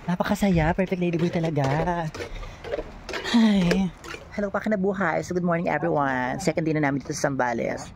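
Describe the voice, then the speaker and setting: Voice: mid-range voice, steady tone, a little fast, a crowd in the background. A vlogger with a Filipino accent, chatting through a casual travel vlog, playful and exclaiming, often out of breath.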